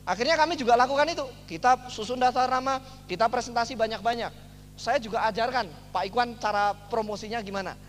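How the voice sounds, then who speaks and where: A man speaking at a seminar, telling a story in an animated way and acting out the dialogue. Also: very high-pitched, quick pace. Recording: long hall reverb, faint noise.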